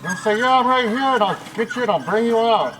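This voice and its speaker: A man, a firefighter, yelling loudly to show children how a rescue sounds. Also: extremely high pitch, lively intonation, fast talker, low-quality recording. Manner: loud, yelling to be heard.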